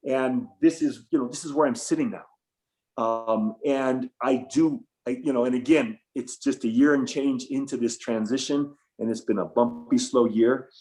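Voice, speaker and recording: A man's voice: medium pitch, moderate pace, darkish tone. A middle-aged man speaking as an interview guest over a video call, enthusiastic and reflective, with fillers and restarts. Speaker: guest, photographer and former tour business owner. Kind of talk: casual interview talk.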